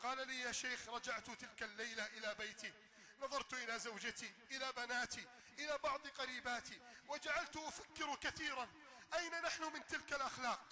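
A man preaching a sermon, telling a story in a loud, declaiming voice that rises to shouts. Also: extremely high pitch, fairly even intonation, fast talker.

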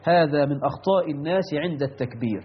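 Man, high voice, instructive preacher, muffled lo-fi audio. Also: fast talker. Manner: instructive, rhetorical questions, mimics errors. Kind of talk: religious lesson.

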